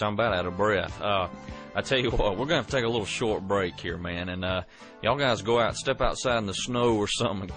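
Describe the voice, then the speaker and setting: A man's voice: lowish voice, a bit bright. A man hosting a comedy radio interview, rambling with lots of fillers. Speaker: radio DJ host.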